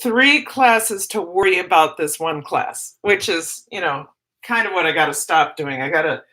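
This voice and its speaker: A teacher with a Minnesota accent hosts a casual livestream, reading viewer comments and answering them in a rambling, self-interrupting way. Her voice is fairly low in pitch with a fairly bright tone.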